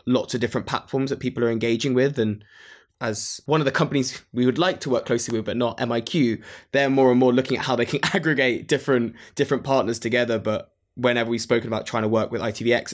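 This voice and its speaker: Man, podcast co-host, casual and hesitant, thinks aloud, mid-pitched.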